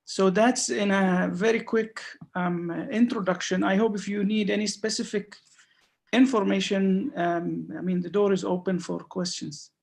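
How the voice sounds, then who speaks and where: A man's voice: sits high, fairly even intonation, normal speed, vocal fry, darkish tone. A man in his thirties from Syria, a guest lecturer on a video call webinar, speaking hesitantly with many fillers and restarts. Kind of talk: webinar talk.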